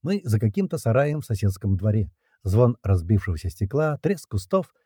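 Male audiobook reader, husky and dark, lively pitch, dry close sound. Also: normal speed, no room sound. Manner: tense action narration, dialogue read aloud. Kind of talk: first-person audiobook narration.

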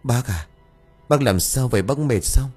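A man's voice: medium pitch, expressive, unhurried, darkish tone, slightly rough, faint music behind, voice pushed up. A man voicing an older village man at a funeral, earnest and stammering as he pleads. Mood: alarmed.

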